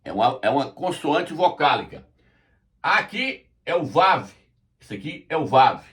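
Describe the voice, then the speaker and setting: A man giving a religious lesson at a whiteboard, explaining slowly and spelling out letters as he points. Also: fairly high pitch, sing-song, a bit bright. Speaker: Bible teacher.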